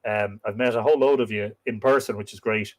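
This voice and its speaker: A man's voice: lowish voice, fairly even intonation, brisk. A man with an Irish accent and a lilting storyteller's delivery, hosting a casual live stream and chatting through viewer comments. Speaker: host and storyteller of a live myths show.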